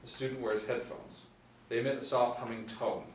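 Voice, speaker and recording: During a table read, a middle-aged man delivers the stage directions as scripted narration in a mid-range, level voice at normal speed. The recording, from a distant mic in a small indoor room where the group sits, sounds roomy with faint room noise.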